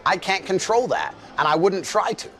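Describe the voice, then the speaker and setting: A man's voice: high-pitched, sing-song, normal speed, fairly bright tone. A man answering interview questions defensively and emphatically, for a documentary. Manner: defensive, emphatic, rising to indignation.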